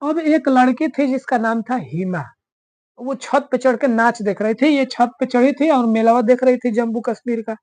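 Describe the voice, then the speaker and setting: A woman's voice: fairly high pitch, normal speed, darkish tone, no echo. A woman teaching map mnemonics, who keeps asking the class questions and answering them herself. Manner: drills answers by repeating them.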